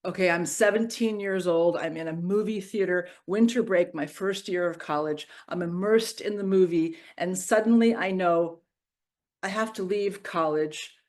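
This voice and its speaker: Expressive woman telling personal stories. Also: fairly low pitch, moderate pace. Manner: expressive, shifts from playful to hushed and grave. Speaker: worship reflection speaker. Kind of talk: personal storytelling reflection. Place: church service.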